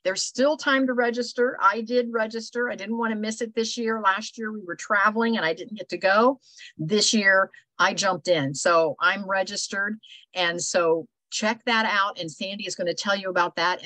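Chatty and rambling, with lots of fillers, an older Ohio woman hosts a relaxed meetup over video call. Heard through her video call mic, her mid-range voice is pushed and bright at normal speed, with no room sound and a low-quality recording.

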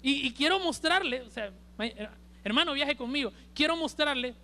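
A male preacher with a Honduran accent delivering an emphatic sermon at a church service, swinging between loud and hushed. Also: very high-pitched, moderate pace. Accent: Honduran Spanish.

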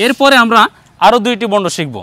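Man teaching quran letters, kinda high voice, patient, long drawn-out sounds, dry close mic. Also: animated, pushed and bright, dry recording. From Bangladesh. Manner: patient, addresses viewers directly, drawn-out letter sounds for repetition. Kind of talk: step-by-step pronunciation lesson.

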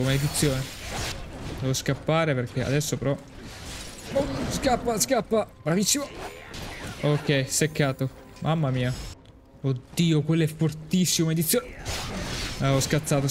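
A man reacting live while playing a video game, his voice sitting a little high for a man. He is excitable and bursts into exclamations and curses at the game. A steady hiss of background noise runs under the recording. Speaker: gaming video creator. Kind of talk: live gameplay commentary.

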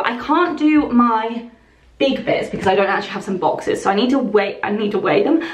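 A young woman in her twenties chatting enthusiastically to camera in a casual vlog. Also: on the high side. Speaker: lifestyle vlogger. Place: bedroom walk-in wardrobe, indoors. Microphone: camera on a stand, close. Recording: roomy echo.

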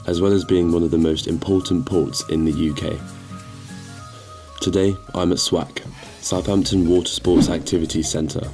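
Man, documentary narrator, very deep voice, scripted, steady delivery, faint music underneath. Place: voice-over.

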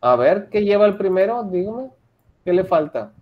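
Lively-voiced woman teaching English. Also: medium pitch, normal speed, dull audio. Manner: patient, explains step by step, mixes English examples into Spanish. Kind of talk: online class instruction.

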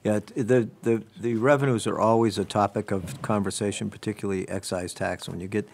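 A man with a fairly low voice explains town budget lines at a board meeting, walking through each item step by step. He speaks into a table microphone in a municipal meeting room. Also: fairly even intonation, a little fast, vocal fry, a little mellow, a little hiss or hum.

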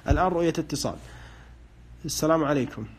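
A man's voice: fairly high pitch, fast, slight background noise. A man on a live broadcast, interpreting dreams and asking callers short questions, with a pious, hedging way of speaking. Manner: hedging with religious phrases.

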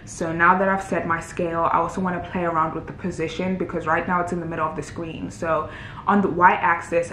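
A young fitness creator narrates a casual screen-recorded tutorial of her video editing workflow, relaxed and chatty, thinking aloud as she works. Her voice-over was recorded in an indoor room, and it sounds roomy with a faint rumble.

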